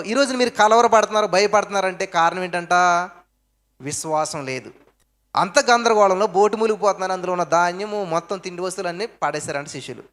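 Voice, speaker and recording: A man preaching a sermon, firing off rhetorical questions and answering them himself, with emphatic swings between loud stresses and low asides.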